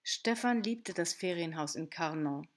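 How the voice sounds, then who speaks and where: Low-voiced woman narrating an audiobook. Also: a little slow. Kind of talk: scripted narration.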